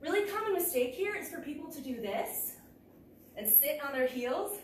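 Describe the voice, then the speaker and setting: A young woman leads a kickboxing workout, calling out moves in clipped cues while exercising and audibly exerting herself. Her high-pitched voice has lively intonation at a moderate pace. A far camera in a large indoor martial arts gym with mats records echoey, distant, noisy sound.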